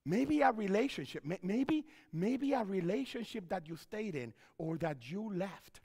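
A middle-aged pastor speaks with a high voice that rises and falls widely, often repeating himself as he paces. He wears a headset mic on a church stage. The sanctuary adds a long reverb to his words. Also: creaky. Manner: animated, repeats phrases, wide hand gestures while pacing. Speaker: pastor and counselor giving a seminar. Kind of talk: seminar talk in church.

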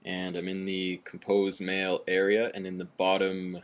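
A young man with a low-pitched voice chats casually to camera as he demonstrates a gadget. He is recorded on a webcam in a small room at home. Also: completely flat delivery, unhurried. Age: 20s. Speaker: gadget reviewer. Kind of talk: casual demo chat to camera. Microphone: webcam at arm's length.

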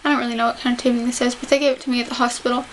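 A young adult vlogger speaks very fast with a flat delivery in a slightly high voice, chatting casually to camera about her surgery recovery. Her jaw barely moves as she talks carefully through banded teeth, and the home camera audio is noisy.

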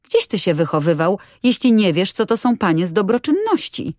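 Kobieta grająca rozgadaną, radosną dziewczynkę. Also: female voice, medium pitch, big pitch swings, moderate pace, a little mellow, no room sound, clean studio sound, pitched above the performer's own voice, close to an everyday voice. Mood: eager. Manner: eager, breathless chatter. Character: cheerful chatty little girl.

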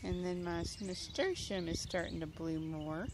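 A woman in her thirties, speaking in a lowish, steady voice and a little slowly, rambles through a casual tour of her backyard garden. She thinks out loud with frequent ums. A handheld phone records her outside, picking up background noise, birds, and nature sounds.

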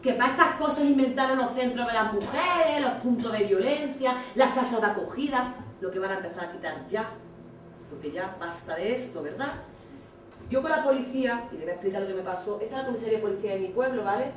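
A woman in her thirties with an accent from Spain, giving a blunt, animated theatrical monologue to students. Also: fairly high pitch, fast, slight background noise. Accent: Spain Spanish. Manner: animated, blunt, acts out scenes. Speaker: speaker addressing students. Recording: echoey hall from far off.

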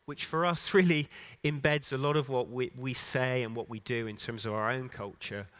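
A middle-aged man speaks from a conference stage into a microphone, his voice in the middle range. He talks off the cuff, backing up, repeating words and filling pauses. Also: mid-range voice, steady tone, fairly bright tone. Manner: unscripted, halting, many restarts and fillers. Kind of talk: conference keynote talk. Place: conference stage in a large hall.

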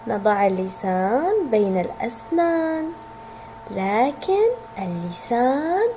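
A woman teacher with a high, warm, mellow voice that swings up and down a lot. She speaks slowly and sounds out each letter and word for small children. A faint hum runs under the recording. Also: rough recording. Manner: slow, clearly sounding out letters and words; asks questions, then answers them herself. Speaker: kindergarten teacher.

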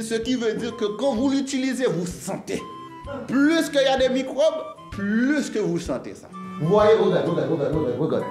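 Man acting high-voiced, insistent miracle salesman. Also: a little mellow. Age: middle-aged. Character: excitable middle-aged salesman touting a miracle product. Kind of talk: sketch comedy acting. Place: indoor brick-walled room. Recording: roomy indoor sound, faint music.

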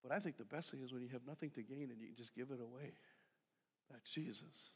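A middle-aged male pastor delivers a relaxed, conversational sermon, throwing rhetorical questions at the congregation and dropping in light jokes. His voice rings out with a long reverb tail in a large sanctuary. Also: fast, slightly rough. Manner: conversational preaching with rhetorical questions, jokes and lively pitch swings. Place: church stage, large sanctuary.

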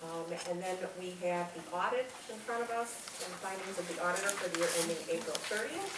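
A woman's voice: fairly low pitch, lively intonation, fast talker. A woman trustee presenting bills and making motions at a board meeting. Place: small indoor meeting room. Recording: echoey room, far mic, loud noise.

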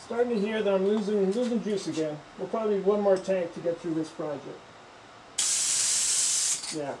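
In his home garage paint booth, a home woodworker demonstrates spray finishing, thinking aloud casually and restarting his sentences. His voice is high and his speed normal. Spray hiss and compressor noise run through the recording.

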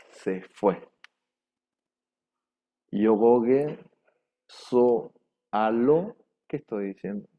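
A man teaching a language class, repeating words slowly and carefully and dictating them for students to write down. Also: fairly low pitch. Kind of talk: slow repetitive language class. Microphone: microphone. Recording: dull lo-fi room microphone.

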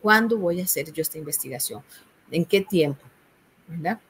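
A woman's voice: on the low side, lively intonation, moderate pace, breathy edge. A woman with a Costa Rican accent, a university tutor patiently explaining a course assignment, often checking in with "¿verdad?". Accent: Costa Rican Spanish.

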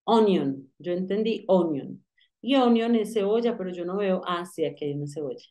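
A woman teaching English in a relaxed lesson, repeating words and explaining pronunciation. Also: on the low side, moderate pace. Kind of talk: casual online English lesson.

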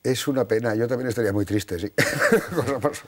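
A man's voice: mid-range voice, animated, fairly quick. A man, a TV presenter appearing as a studio guest, rambling and chuckling with many restarts. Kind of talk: TV studio interview.

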